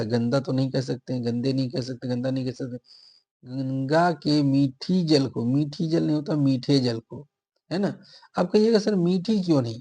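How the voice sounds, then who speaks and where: A male teacher with a mellow, somewhat husky voice works through quiz questions one by one. He reads each answer option aloud and repeats it before settling on the right one, in a patient, step-by-step classroom manner. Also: mid-range voice. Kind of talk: exam-prep grammar lesson.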